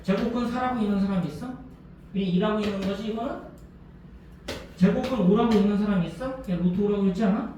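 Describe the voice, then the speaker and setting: A male teacher lectures a class, constantly firing short check questions at his students. His voice sits high for a man. He is caught from a distance in a strongly echoing classroom. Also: fast, mellow, a little hiss or hum. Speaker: math teacher.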